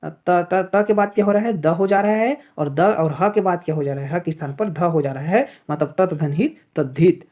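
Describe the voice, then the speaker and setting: A woman leads an exam-prep grammar lesson in a fairly low voice. She talks her viewers through each example, repeating it and checking in often with a quick "okay.". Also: dark tone. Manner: addresses viewers as friends, repeats examples, frequent "thik hai" checks. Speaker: teacher.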